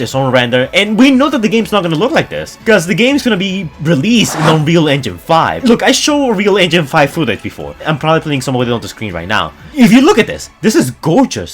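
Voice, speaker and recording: With a fairly high pitch, a gaming news YouTuber addresses his viewers in an informal, excitable way. His delivery is casual, enthusiastic commentary.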